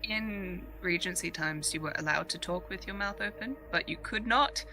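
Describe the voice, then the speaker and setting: A woman's voice: fairly low pitch, normal speed, music in the background. A woman playing in a tabletop game stream, chatting casually and sharing trivia. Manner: chatty, muses over trivia. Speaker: player.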